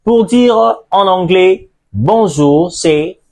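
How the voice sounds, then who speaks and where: Slow, high-voiced male language teacher. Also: expressive, a little mellow. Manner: slow, drawn-out repetition drills with emphatic stress. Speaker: English teacher. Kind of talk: classroom-style language lesson.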